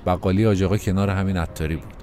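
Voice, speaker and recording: A man's voice: sits low, fairly even intonation, darkish tone, slight background noise, natural voice. A man voicing a friendly, chatty middle-aged male taxi driver in a storybook reading. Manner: easygoing, chatty.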